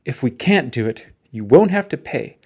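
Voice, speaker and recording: A man's voice: mid-range voice, sing-song, normal speed, a little mellow, breathy edge. A man voicing a confident, eager steam shovel operator in a storybook, earnest and assured.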